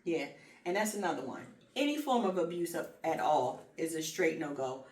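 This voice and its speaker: A woman co-hosting a casual advice chat, speaking earnestly and pausing on fillers as she makes her points. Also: sits low, sing-song, darkish tone. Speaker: podcast co-host. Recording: echoey room, mic at a distance, faint noise.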